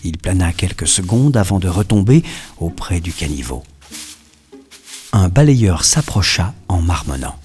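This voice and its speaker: A man narrating a children's story in an expressive, storytelling manner. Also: sits low, measured pace, soft background music.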